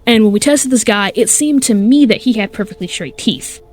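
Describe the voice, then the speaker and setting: Animated woman commenting on gameplay. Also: a little high, fairly quick, soft background music. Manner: animated, exclamatory, swears. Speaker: gaming YouTuber.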